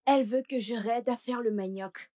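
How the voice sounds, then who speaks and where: An actress dubbing a brash, talkative young village woman who thinks aloud and fires back quick retorts. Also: a little high, warm tone, lightly acted. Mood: defiant. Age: young adult. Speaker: dub actress. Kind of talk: dubbed film acting.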